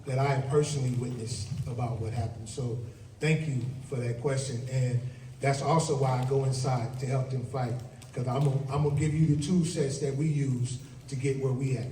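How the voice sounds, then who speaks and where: A man's voice: mid-range voice, fairly even intonation, moderate pace, mellow. A man hosting a talk and speaking emotionally and directly to the audience. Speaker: event host and fellow speaker. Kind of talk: public talk and Q&A. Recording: distant roomy live recording with faint noise.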